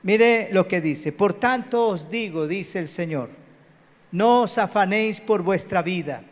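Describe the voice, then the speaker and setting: Preaching a live sermon in a large, echoing church hall, a Colombian pastor calls out to his congregation to say amen. He has a high-pitched voice, a little slow, and a preachy manner.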